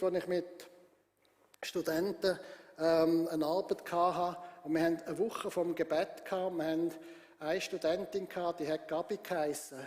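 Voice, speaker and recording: Swiss-accented male pastor, high voice, emphatic repetitive sermon, long church reverb. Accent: Swiss German. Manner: emphatic, repetitive preaching that swells in loudness.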